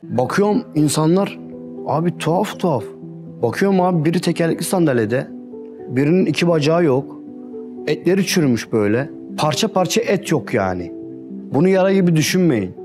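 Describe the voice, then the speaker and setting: A man's voice: a little high, lively intonation, brisk, music in the background. Earnest Turkish man telling his story. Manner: earnest storytelling, repeats "I said" and addresses listener as "abi". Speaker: interview guest. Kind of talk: emotional personal testimony.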